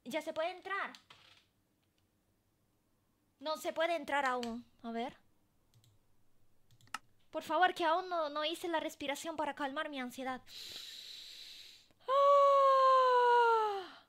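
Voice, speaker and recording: Female streamer, very high-pitched, slow and chatty, excitable. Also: a little hiss or hum. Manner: excitable and chatty, laughs often. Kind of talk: casual live-stream chat while gaming.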